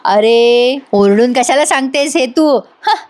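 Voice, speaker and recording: Lady doing a smug young husband, teasing like a kid, slow gloating lines. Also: fairly high pitch, a little mellow. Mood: taunting. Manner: gloating, drawn-out taunting.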